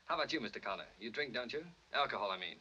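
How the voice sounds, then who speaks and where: An actor playing a teasing upper-class man in a 1940s film, with a Mid-Atlantic accent, quick and clipped. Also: medium pitch, expressive, pushed and bright, a little hiss or hum. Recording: dull old film soundtrack from afar.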